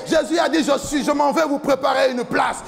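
Man preacher, 40s, very high gravelly voice, shouts and chants his sermon on a handheld mic, soft music behind. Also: brisk. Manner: impassioned preaching, often shouting, chanting cadence. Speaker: pastor. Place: large church hall with a stage, indoors.

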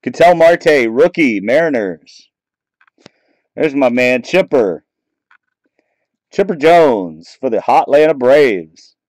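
A man in casual commentary, reading out cards as he opens packs at a table, relaxed and chatty, picked up by a camera mic. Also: mid-range voice, slow pace, pauses often, dry recording. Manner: relaxed, chatty, reading out names and teams as he goes. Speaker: card break host. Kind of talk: casual commentary while opening trading card packs. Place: small room at a table, off camera.

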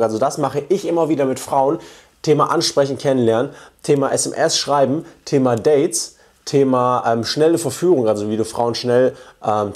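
A young man, a dating coach, talking to viewers and then giving a seminar talk, lively and acting out the people he quotes. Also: husky. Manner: animated, acts out quoted clients in a higher voice. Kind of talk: seminar talk and video intro.

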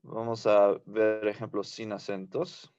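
Male teacher, unhurried, patient class explanations, muffled dry recording. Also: fairly low pitch, level tone, music in the background. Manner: patient, explains slowly, asks the class for confirmation. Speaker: Biblical Hebrew teacher.

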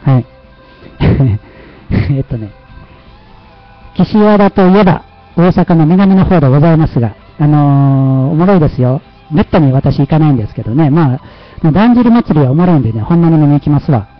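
A man's voice: fairly high pitch, animated, fairly quick, dry recording, dull audio, faint music behind. Chatty Kansai-accented man hosting a livestream. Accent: Kansai Japanese. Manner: chatty and self-mocking, laughing often. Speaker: livestream host. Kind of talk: casual livestream talk.

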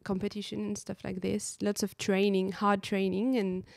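A woman's voice: medium pitch, little pitch movement, moderate pace, gravelly, a little mellow, no echo, studio quality. A woman in her thirties from France with a French accent, hosting a casual podcast chat on a couch with a handheld mic and laughing often. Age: 30s. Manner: giggly, many restarts and fillers. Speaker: podcast host, drone pilot. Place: living room couch. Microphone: handheld dynamic mic.

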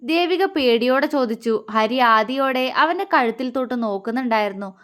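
Expressive woman storyteller with a high voice. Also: normal speed. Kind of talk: scripted narration of a family love story.

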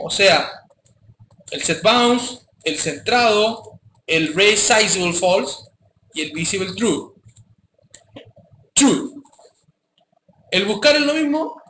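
A man teaching a coding class, his voice high and bright. He speaks casually and keeps checking that the students follow. The sound is echoey, with faint background noise. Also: expressive, slow, pauses often. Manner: casual, addresses students directly with frequent checks. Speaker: programming teacher. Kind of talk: live classroom coding lesson.

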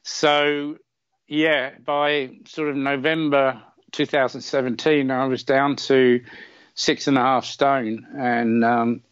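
A man's voice: medium pitch, little pitch movement, takes it slowly, clear, resonant tone, no echo, lo-fi sound. A middle-aged man telling a long personal story as a podcast guest, with plenty of fillers and wry self-deprecating asides. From England. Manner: chatty, many fillers, self-deprecating humor. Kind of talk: casual conversational storytelling.

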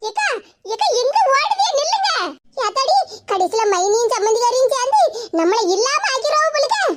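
A woman voicing a greedy, scheming young village woman in an animated cartoon, wheedling and pleading with a Tirunelveli Tamil accent. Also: extremely high pitch, brisk. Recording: noisy cartoon audio track.

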